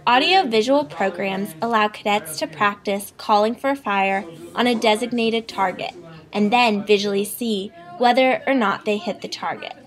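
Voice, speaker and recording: A woman's voice: mid-range voice, moderate pace. A woman reporter reading scripted narration for a news report.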